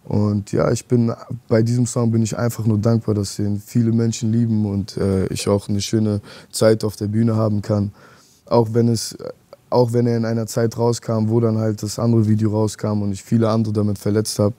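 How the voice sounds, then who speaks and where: A young man in his twenties, a rapper being interviewed, talking earnestly and hesitantly with many restarts in a dark studio. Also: fairly low pitch, little pitch movement, moderate pace, no room sound. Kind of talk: reflective interview talk. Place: dark studio set, seated on leather couch.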